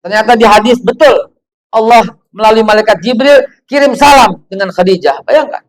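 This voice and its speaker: A man, preaching to a women's gathering in an animated storytelling way, full of rhetorical questions. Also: high voice, moderate pace, low-quality recording.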